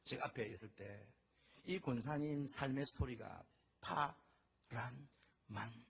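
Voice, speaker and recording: This middle-aged pastor's mid-range voice is gravelly and a bit rough, and he takes his time. His sermon is full of lively storytelling, with the quoted voices acted out.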